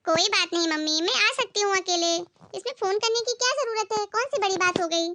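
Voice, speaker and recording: A woman voicing a caring, outspoken young married daughter who talks in a lively, direct and insistent way, in an amateur family skit. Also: very high voice, fairly quick, no room sound, pitched above the performer's own voice. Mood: cheerful.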